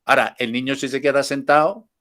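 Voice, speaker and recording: A man's voice: medium pitch, steady tone, fast, a bit bright. An older man giving an informal spiritual talk as a teacher, chatty and joking, with frequent asides.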